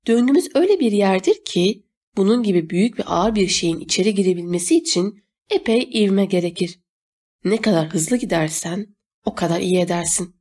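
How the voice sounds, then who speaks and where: A woman voicing a brisk, commanding adult male guide in an audiobook, giving urgent orders. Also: mid-range voice, animated, a little mellow, natural voice. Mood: instructing. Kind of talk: audiobook character voice.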